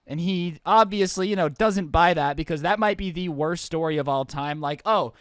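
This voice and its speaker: A man's voice: fairly high pitch, normal speed, fairly bright tone, clean tone, no room sound, studio quality. A man telling a story to his channel in a casual, comic way, full of sarcastic, rambling asides. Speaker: storytime vlogger.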